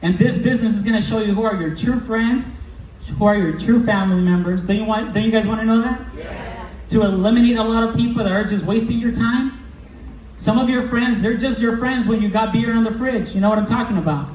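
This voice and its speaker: Man, motivational speaker, energetic, slangy, quizzes the crowd, roomy hall, picked up from a distance, faint noise. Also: sits high, fast. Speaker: business coach speaking at a recruiting meeting. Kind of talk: motivational stage talk. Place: event hall with a live audience.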